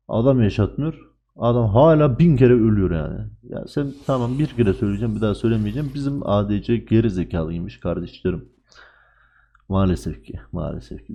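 A man commentating live on his own gameplay, excitable, swearing at and trash-talking his teammates. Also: mid-range voice, lo-fi sound. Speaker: gaming channel host.

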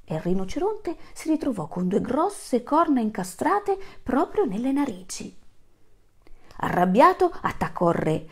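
A woman reading a storybook aloud to children, telling it in an animated, dramatic way. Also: a little high, gravelly. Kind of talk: expressive read-aloud.

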